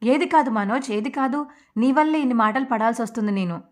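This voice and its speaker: A woman voicing an upset young wife who speaks sharply and reproachfully, a bit higher than her own voice. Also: flat delivery, fast talker, clean tone, lightly acted.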